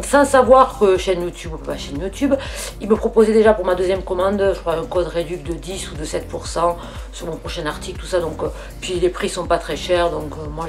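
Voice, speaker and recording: A woman's voice: fairly low pitch, a little mellow. Woman, middle-aged, chatty beauty vlogger, fillers and restarts, faint background music. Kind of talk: casual haul chat.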